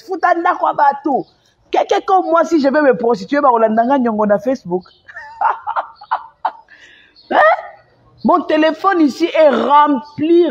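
Une dame de kinshasa qui râle en live, accent congolais, répète tout, mélange français lingala, son étouffé. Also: female voice, high-pitched, darkish tone, husky. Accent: Congolese French. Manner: emphatic and repetitive, mixing French with Lingala. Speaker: live-stream host. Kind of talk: impassioned live-stream rant. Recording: dull lo-fi sound.

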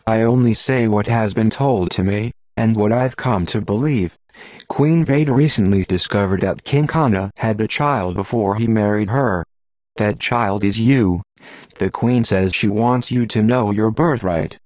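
A patient Jedi master, read by a man, speaks in a quiet, firm, measured way. The voice sits low and close. It is a dry audiobook recording. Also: no room sound, close to an everyday voice. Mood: calm. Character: calm patient older male Jedi master.

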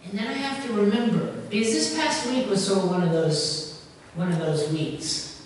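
A man's voice: high voice, moderate pace, slight background noise. A man giving a conversational sermon as a pastor, rambling a little, with restarts and asides to the congregation. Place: church sanctuary. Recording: echoey church from a distance.

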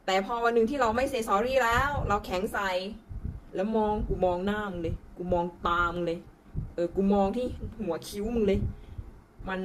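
A woman's voice: medium pitch, a little hiss or hum, low-quality recording. A woman from Thailand with a Thai accent, talking bluntly and coarsely to camera in a casual vlog. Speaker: vlogger.

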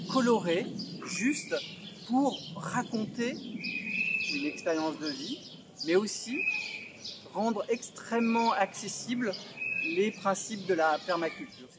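A man in his forties presenting a book straight to camera, earnest and pausing often on "euh", seated on a bench in a small outdoor garden. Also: high-pitched, heavy background noise. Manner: earnest, with frequent "euh" pauses. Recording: outdoor garden with loud birdsong. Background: birdsong.

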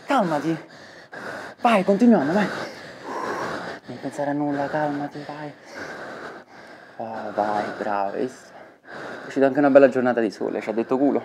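A man's voice: high-pitched, expressive, moderate pace, background noise. Man acting a soothing young Neapolitan man. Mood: soothing, concerned. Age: young adult. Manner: soothing, urging in short repeated phrases. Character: concerned young man calming a panicking companion. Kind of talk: acted dramatic scene.

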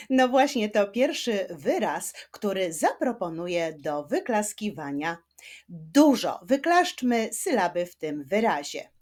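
A woman teaching children to read, speaking slowly and carefully and drawing words out syllable by syllable, gently encouraging her young viewers. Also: mid-range voice. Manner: slow, carefully spaced speech, stretching words syllable by syllable. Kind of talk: children's reading lesson.

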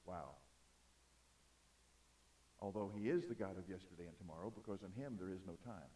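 A man preaching a sermon in an auditorium, emphatic, swinging between loud and soft. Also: low-pitched, a little fast, recorded from a distance. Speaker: pastor.

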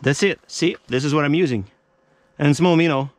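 A man in his thirties talking to camera from an ice-fishing tent, in broken non-native English and breaking into excited exclamations. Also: a little high, normal speed, slight background noise. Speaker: fishing vlogger. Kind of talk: casual vlog narration to camera. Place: inside an ice-fishing tent on a frozen lake. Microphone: action camera mounted in the tent.

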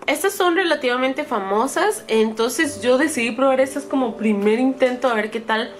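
A woman's voice: high voice, moderate pace, slight background noise. A woman in her thirties chatting to her viewers while trying on makeup, often stopping to correct herself. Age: 30s. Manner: chatty, self-correcting, talks straight to viewers. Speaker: beauty vlogger. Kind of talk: casual makeup try-on chat to camera.

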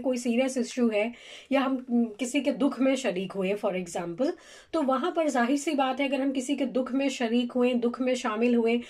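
Woman teacher, slightly high voice. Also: darkish tone. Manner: explains step by step, asks and answers own questions; mixes English terms into Hindi. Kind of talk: lecture explaining literature course material.

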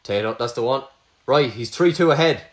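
A man's voice: medium pitch, expressive, moderate pace, background noise. Teasing Irish quizmaster man. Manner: teasing, crude banter. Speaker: quizmaster host. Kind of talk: casual podcast quiz.

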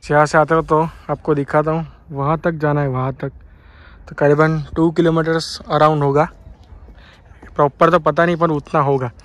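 A man's voice: on the high side, level tone, normal speed. A young man talking casually to camera as he walks a hilltop temple trail, calling his viewers guys and mixing in English words. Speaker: travel vlogger. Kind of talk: casual walking vlog to camera. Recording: music playing under the voice.

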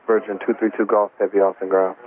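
A man's voice: lowish voice, flat delivery, fast talker. A male ground controller giving matter-of-fact, procedural air traffic instructions over radio. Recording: narrow, slightly noisy aviation radio.

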